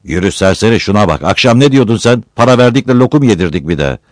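A man doing a gruff, bossy village elder. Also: lowish voice, animated, quick pace, darkish tone, no echo, clean studio sound, voice pushed up, close to an everyday voice. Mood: grumbling. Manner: grumbling, bossy.

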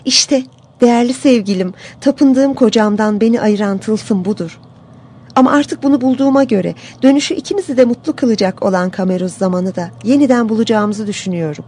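A woman's voice: a little high, darkish tone, a little hiss or hum, pitched above the performer's own voice, lightly acted. A woman reading a story aloud and voicing an eager, impatient young princess. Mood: joyful. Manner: eager, quick and commanding.

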